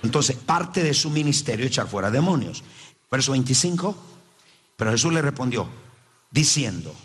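Husky, animated male preacher. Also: medium pitch, moderate pace. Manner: emphatic, addresses congregation directly. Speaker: pastor. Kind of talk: sermon.

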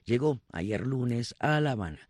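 A man's voice: mid-range voice, lively intonation, measured pace, a little mellow, no room sound. Dry-voiced male radio anchor. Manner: formal anchor links between stories. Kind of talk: scripted news reading.

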